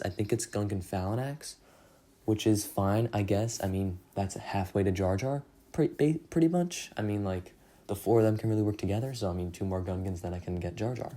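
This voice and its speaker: A young man talks through his mobile game progress in a loose, rambling recap. His voice sits low and sounds mellow rather than bright. He keeps filling gaps with "like" and "um" and is quick to laugh at his own mistakes. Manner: rambling, self-deprecating, many fillers. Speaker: gaming channel host. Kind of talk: casual gameplay recap.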